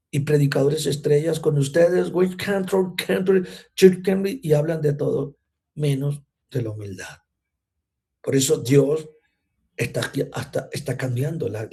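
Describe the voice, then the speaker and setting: A man's voice: mid-range voice, warm tone. A man teaching a church class, often checking in with his listeners through rhetorical questions. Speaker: Bible teacher.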